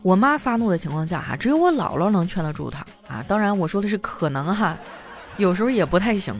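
A young woman comedian telling funny anecdotes in a chatty, animated stand-up style. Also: fairly low pitch, fast, soft background music. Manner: animated storytelling, chatty filler particles.

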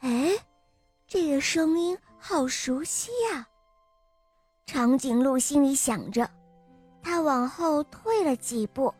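Woman storyteller, high voice, gentle, children's bedtime story narration, faint music underneath. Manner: gentle, addresses children directly.

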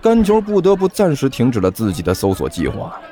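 Lively man narrating a comic audiobook. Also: mid-range voice, fairly quick, a faint crowd. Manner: lively, shouting in character. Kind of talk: comic storybook narration with voiced characters.

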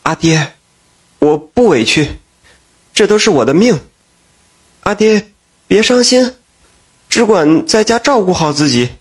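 A man voicing a brave, devoted young daughter who calls out in a high, pleading voice. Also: animated, unhurried, pauses often, breathy edge, full character voice. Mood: comforting.

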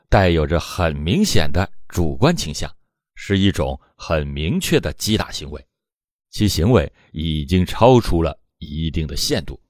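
A low-voiced man narrating a true crime case from a script. His pitch swings widely, springing up at the start of phrases and sinking at their ends. The close studio mic gives a dry sound with no room in it. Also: darkish tone, no echo. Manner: dramatic, swooping emphasis on phrase openings. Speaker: true crime storyteller, show host.

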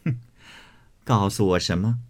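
A man's voice: a little slow, a little mellow. A man voicing a furious, jealous young noblewoman who screams and shrieks. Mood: scornful. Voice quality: shrill screaming.

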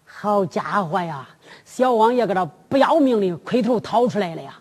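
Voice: medium pitch, lively intonation, brisk, a little mellow, breathy edge, long reverb tail. A storyteller narrating a drum ballad, chanting and drawing out its sung lines.

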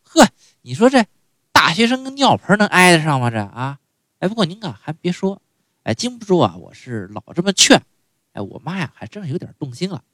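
A man's voice: fairly high pitch, big pitch swings, fairly quick, sharp tone, no echo. A man performing a stand-up comedy monologue, chatty and full of fillers and asides to the audience.

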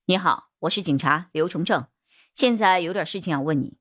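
A stern male police detective, voiced by a woman fires off firm, brisk questions in a lowish voice. He sounds in control and all business, the calm interrogator of a spoken crime story.

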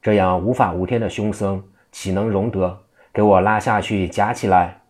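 A man's voice: low voice, fairly even intonation, moderate pace, a little mellow, natural voice. A man voicing a stern, hot-tempered middle-aged prefect giving commands. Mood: furious. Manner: commanding, scolding.

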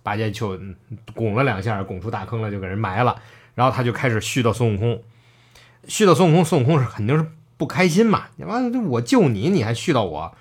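A man co-hosting a casual chat, retelling scenes with animated acted-out quotes. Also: mid-range voice, quick pace. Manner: animated storyteller, acts out quoted lines. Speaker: podcast co-host. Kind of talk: casual chat about a classic novel.

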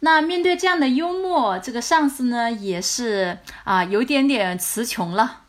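A woman language teacher explaining dialogue from a drama scene line by line, in patient, animated explanations. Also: fairly high pitch, unhurried.

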